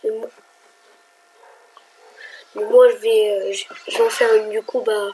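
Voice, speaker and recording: A woman giving casual, rambling commentary over her screen recording as a tutorial vlogger, thinking aloud with whispered asides and sudden excited outbursts. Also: fairly high pitch, unhurried, background noise.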